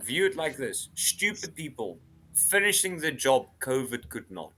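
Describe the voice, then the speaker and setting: Male panelist, bright tense tone, repetitive emphatic setups. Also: medium pitch, very animated, measured pace. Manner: repeats phrases emphatically before the punchline. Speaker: comedian panelist. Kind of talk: casual comedy panel chat.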